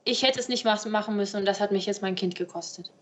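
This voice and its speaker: A young woman telling her story in an interview indoors, earnest and halting, sometimes restarting words. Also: mid-range voice. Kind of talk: interview testimony. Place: indoor living room.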